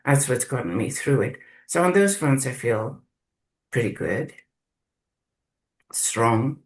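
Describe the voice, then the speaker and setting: Slow, halting man sharing reflectively. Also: mid-range voice, lively intonation, poor audio. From South Africa. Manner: slow, halting, searching for words. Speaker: course participant. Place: video call.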